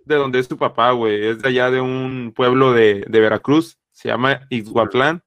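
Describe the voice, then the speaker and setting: A man's voice: medium pitch, moderate pace, a bit bright, smooth, no echo. A man, chatting casually as a co-host and dropping slang between nearly every phrase. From northern Mexico. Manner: slangy, fills talk with "güey". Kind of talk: casual chat.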